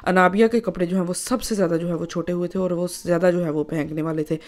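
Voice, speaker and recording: A woman's voice: fairly low pitch, fairly even intonation, fast talker, darkish tone. A woman, narrating her home vlog in a chatty way, full of filler phrases. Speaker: vlogger.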